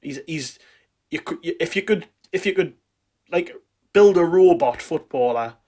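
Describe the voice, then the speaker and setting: A man's voice: a little high, animated, a little slow, darkish tone. A man hosting a football fan podcast in a casual, conversational way. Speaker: podcast host.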